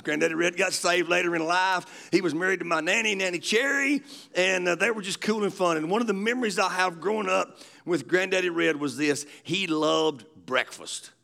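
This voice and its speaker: Preacher guy, folksy storytelling, bright tense voice with some gravel. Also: high-pitched. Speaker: pastor. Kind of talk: sermon.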